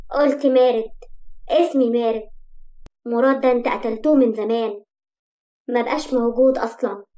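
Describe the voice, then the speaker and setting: An icy, sardonic rich young man speaks in a flat, cutting tone, as a woman with an Egyptian accent reads his lines. The voice sits high yet sounds dark and mellow, as in a spoken storybook. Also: fairly quick, close to an everyday voice. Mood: bitter.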